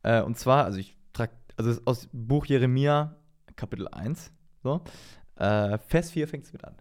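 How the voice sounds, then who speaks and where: A young man in a relaxed faith chat with a friend. He tells stories with lively emphasis and reads Bible passages expressively, with a chatty feel. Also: mid-range voice, moderate pace. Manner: animated storyteller, reads scripture with expression. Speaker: podcast co-host.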